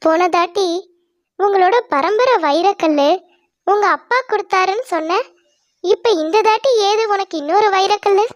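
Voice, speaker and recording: Woman doing a suspicious male merchant in a cartoon, questioning, high-pitched. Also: normal speed, dry recording, studio quality. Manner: questioning, doubtful.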